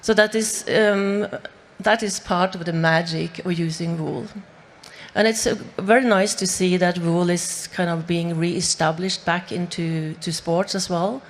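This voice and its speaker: Low gravelly woman from Norway. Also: steady tone, unhurried, slight background noise. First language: Norwegian. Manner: hesitant, many fillers and restarts. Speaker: panelist. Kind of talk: panel discussion.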